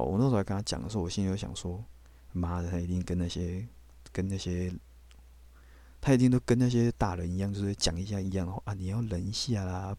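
A man's voice: low voice, a little mellow, no echo. A man, telling his faith testimony on a podcast in a blunt, candid way with casual swearing. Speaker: podcast host.

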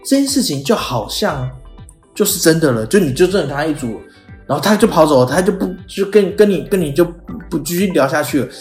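A podcast host talks through an idea like a relaxed lesson, pausing on "哦" and slipping into short acted examples. The voice sits at a middling pitch. It is heard in a roomy, echoing space with faint music underneath. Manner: explains step by step, frequent "哦" fillers, acts out quoted lines. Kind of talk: explanatory podcast lecture.

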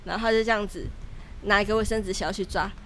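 A woman in her twenties with a Taiwanese Mandarin accent, telling an animated story as a podcast co-host in casual chat. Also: medium pitch, quick pace, a little hiss or hum. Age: 20s. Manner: animated storytelling, lively and dramatic.

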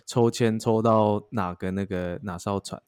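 Taiwanese Mandarin man, young, low voice, dry close sound; casual podcast storyteller who voices the people he quotes. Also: fairly even intonation, unhurried, a little mellow, smooth, no room sound. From Taichung, Taiwan. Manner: acts out quoted dialogue while telling a story. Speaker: podcast co-host.

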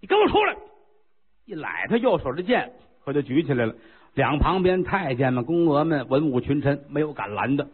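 A man performing traditional pingshu storytelling, with lively colloquial asides and jokes. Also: fairly high pitch, a little fast, slightly rough. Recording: lo-fi phone-like recording.

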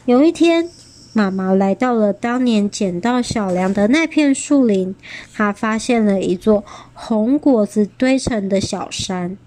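A woman reading a picture book aloud to her child at bedtime, gentle and pausing to ask the child questions. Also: mid-range voice, lively intonation, a little hiss or hum.

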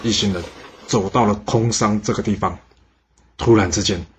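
A man telling a historical story in a lively spoken manner, with fillers. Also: on the low side, moderate pace, background noise.

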